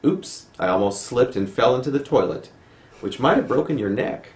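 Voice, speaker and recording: At a live reading in someone's home, a male poet reads his verse aloud in a medium-pitched, sing-song voice at a moderate pace. It was filmed as an amateur video using only the camera's built-in mic, so the room echoes and there is faint noise.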